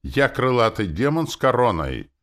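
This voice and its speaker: A man with a deep voice pushes it upward into a sing-song delivery at normal speed to play a female demon. She is proud, spiteful, and loud, mocking and gloating in a sneering, boastful way.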